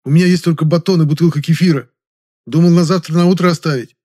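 A man's voice: medium pitch, expressive, fast, mellow, voice pushed up, natural voice. A man voicing a guilty, fussy stage actor who speaks eagerly and theatrically in an audiobook story.

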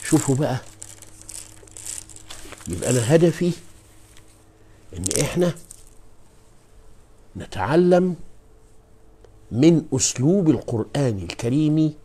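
In a mid-range voice with a breathy edge, this Egyptian Arabic-accented man gives a religious lecture over a live stream as a preacher and scholar. He alternates hushed asides with forceful, loud words and often turns to address listeners directly.

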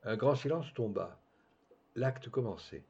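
A man reading a classic literary story aloud, in a measured, literary narration. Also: medium pitch, expressive, gravelly, darkish tone, husky. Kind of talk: scripted narration. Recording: dull lo-fi recording.

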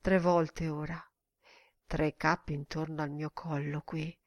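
A woman narrating a literary audiobook in a measured, deliberate way. She reads very slowly, with a somewhat low voice. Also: little pitch movement, no room sound, studio quality. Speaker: audiobook reader.

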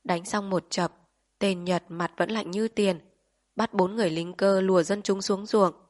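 Woman narrator, solemn measured storytelling, dramatic novel reading. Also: mid-range voice, fairly even intonation. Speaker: audiobook narrator.

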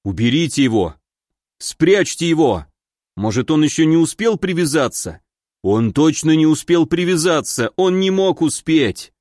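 A man's voice: on the high side, very animated, darkish tone, no room sound, studio quality. A man doing a panicky, whining big guy. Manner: panicky pleading, drawn-out protests. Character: panicky big burly man, whiny and stubborn. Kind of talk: audiobook character voice.

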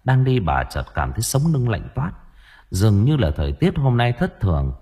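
A man narrating an audiobook in an expressive, dramatic storytelling manner. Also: medium pitch, moderate pace, slight background noise.

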